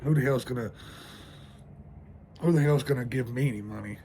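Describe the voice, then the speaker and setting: A man's voice: medium pitch, fairly quick, warm tone, a little hiss or hum. Stressed, rambling man venting outdoors. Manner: rambling, stressed, swears a lot. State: sleepless, shivering in the cold. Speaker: vlogger. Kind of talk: venting vlog monologue. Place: outdoors in the cold.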